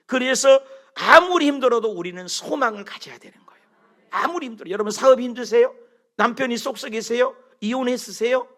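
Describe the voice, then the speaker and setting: A man's voice: extremely high pitch, a little fast, sharp tone. A middle-aged man preaching a sermon as pastor, telling stories with animation and throwing questions at the congregation.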